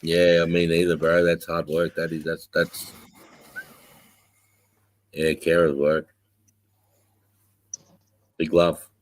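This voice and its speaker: Low-voiced Australian man, casual host. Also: monotone, takes it slowly, long pauses. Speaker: host of an informal online hangout. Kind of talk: casual chat.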